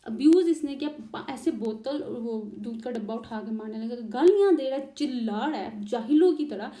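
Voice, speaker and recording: A woman from Pakistan tells her story in an animated, emotional way, replaying old arguments. Her voice sits a little high but sounds very dark and soft in tone. The recording has a roomy echo around her. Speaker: interviewee recounting her marriage. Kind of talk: emotional personal testimony.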